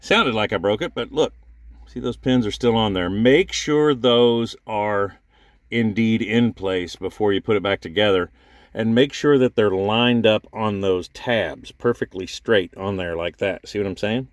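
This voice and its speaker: A man hosting a casual car repair how-to, chatty and dropping deadpan jokes. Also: on the low side, unhurried, no room sound. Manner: joking, chatty, deadpan asides. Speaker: DIY car repair host.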